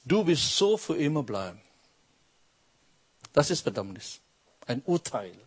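Male preacher, slow and deliberate, keeps quizzing the crowd. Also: on the high side, big pitch swings, husky. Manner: emphatic, quizzes the congregation. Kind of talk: sermon.

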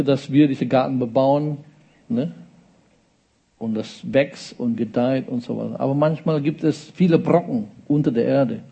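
A man's voice: medium pitch, creaky, warm tone, breathy edge. A man preaching a sermon in a conversational way, often checking in with his listeners.

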